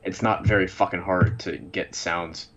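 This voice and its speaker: Co-host, a man with a very low voice, blunt and sarcastic, hollow fishbowl sound over a dull lo-fi mic. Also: fairly even intonation, unhurried, a bit bright, slight background noise. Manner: blunt, sarcastic, swears freely. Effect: muffled, hollow sound as if inside a fishbowl. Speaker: esports podcast co-host. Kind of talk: casual chat.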